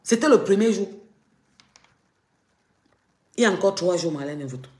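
A woman's voice: lowish voice, lively intonation, racing, a little mellow, reverberant. A woman with a Cameroonian French accent, ranting on a live stream in a taunting, mocking, threatening way. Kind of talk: confrontational live-stream rant.

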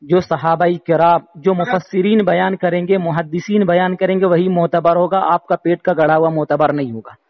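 A high-voiced man argues on a phone call, pressing his point again and again with pointed questions. His delivery is insistent and relentless, and the muffled, dull call audio takes the edge off his voice. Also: fairly even intonation, normal speed, hardly any pauses. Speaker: religious debater on a phone call. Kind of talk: heated phone debate.

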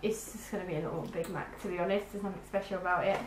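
A chatty, teasing woman in her 20s from London, England co-hosts a casual food taste-test vlog. Her voice is lowish with fairly even intonation, and she talks at a racing pace. The echoey room carries a faint background hiss.

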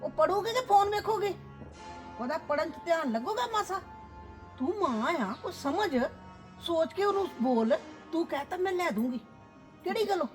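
A woman's voice: very high voice, expressive, normal speed, soft background music. A woman playing a stern grandmother who scolds and lectures in a family drama. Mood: scolding. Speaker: actor.

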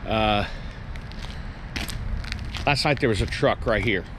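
A man's voice: lowish voice, slow pace, background noise. A middle-aged man in his fifties, a truck driver vlogging in a casual, rambling way with lots of fillers, filming himself inside his truck cab at night. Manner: rambling, conversational, many fillers. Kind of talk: casual vlog monologue. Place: truck cab at night, earlier outdoors at a loading yard.

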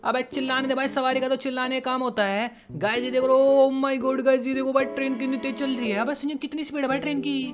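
A man doing excitable, slangy gameplay commentary and keeps calling out to viewers as guys. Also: very high-pitched, fast, hardly any pauses, music in the background. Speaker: gaming YouTuber.

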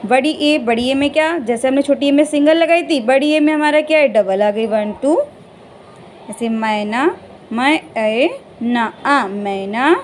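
A woman school teacher giving a Hindi lesson to young children, patiently sounding out letters and syllables slowly. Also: high voice, a little mellow, slight background noise.

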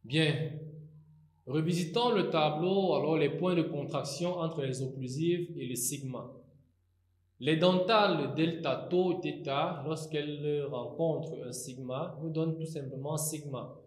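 Male teacher, slightly high voice, very slow deliberate delivery; echoey room. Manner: slow, deliberate, spells out forms with hesitations. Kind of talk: recorded Greek grammar lesson.

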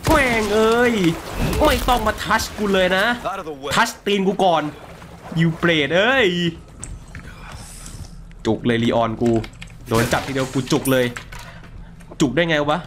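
A young man talks over his horror game in a lively, swinging voice that jumps up and down in pitch. He is excitable and crude, swearing at enemies and joking as he plays. A faint hiss sits under the desk mic. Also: measured pace, long pauses. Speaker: gaming streamer. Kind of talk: live game commentary.

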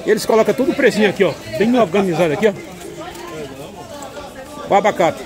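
A man's voice: sits high, quick pace. A man from Alagoas, giving chatty, casual commentary while walking through an outdoor street market, repeating phrases as he goes. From Alagoas, Brazil. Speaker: vlogger. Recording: busy street crowd noise. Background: loud crowd.

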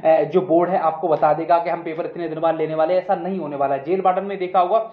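His voice is on the high side, steady in tone and quick. As an exam news video presenter, he walks candidates through the topic informally, repeating points and checking in, with a muffled sound and roomy echo on the recording.

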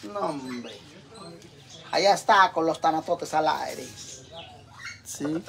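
A man's voice: fairly high pitch, takes it slowly, gravelly, fairly bright tone. Swearing, exasperated Mexican man. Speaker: vlogger. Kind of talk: casual profane rant to viewers. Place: home kitchen.

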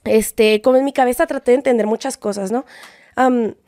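Chatty young Mexican woman, high voice. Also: fairly even intonation, normal speed, mellow, dry recording, clean studio sound. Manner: chatty storytelling, acts out quoted dialogue. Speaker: interview guest. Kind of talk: casual interview.

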